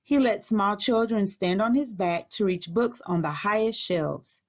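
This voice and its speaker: With a medium-pitched voice on a lo-fi recording, a woman reads a children's storybook aloud the way a teacher would. Her reading is clear, deliberate and expressive.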